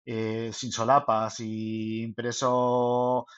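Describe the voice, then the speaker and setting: A man's voice: mid-range voice, completely flat delivery, very slow. Spanish man co-host, loose rambling chat, slightly dull recording. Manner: rambling, many restarts and fillers. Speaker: podcast co-host, self-published photographer. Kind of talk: casual chat.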